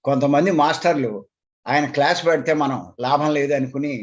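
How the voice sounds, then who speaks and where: A man gives a spiritual talk as a meditation teacher, his voice pitched somewhat high. He explains earnestly and emphatically, circling back over the same points. The recording sounds dull and lo-fi. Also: fairly even intonation, fairly quick.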